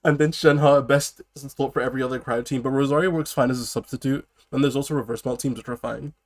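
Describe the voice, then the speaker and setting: A man's voice: medium pitch, steady tone, quick pace. A man sick with a cold chatting casually on a live stream, greeting viewers and breaking off to laugh and cough. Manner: laughs and coughs between phrases; chats loosely with viewers.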